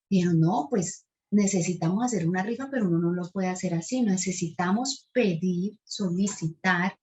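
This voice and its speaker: Animated Colombian woman giving a workshop. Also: medium pitch. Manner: animated, acts out the children and teacher in quotes. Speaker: teacher trainer giving a workshop. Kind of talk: lecture retelling a classroom example.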